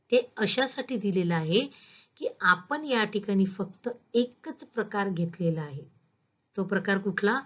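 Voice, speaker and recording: A woman's voice: medium pitch, fairly bright tone, dull audio. A woman school teacher giving a patient, step-by-step grammar lesson, asking her students questions as she goes.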